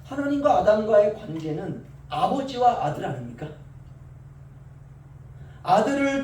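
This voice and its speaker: High-voiced man preaching in an echoey church. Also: slight background noise. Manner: swings between soft asides and loud drawn-out calls. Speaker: pastor. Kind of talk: sermon. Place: church sanctuary. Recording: echoey church, mic at a distance.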